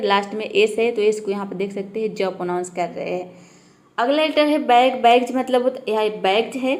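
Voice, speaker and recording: A woman walks beginners through English spelling and sound rules, one example word at a time. Her voice sits a little high, and she keeps circling back to ask the viewer what comes next, repeating each point patiently. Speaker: English teacher. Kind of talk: step-by-step pronunciation lesson.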